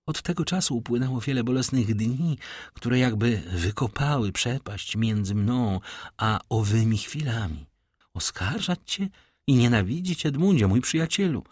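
A man's voice: mid-range voice, lively intonation, moderate pace, darkish tone, slightly rough, no echo, studio quality. A man reading the lines of a grieving, self-reproaching woman of about forty in an audiobook.

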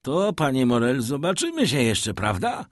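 A man voicing a rough, plainspoken old sailor who speaks in a raised, pleading tone. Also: mid-range voice, very animated, normal speed, no echo, clean studio sound, pitched above the performer's own voice, close to an everyday voice. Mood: dismayed.

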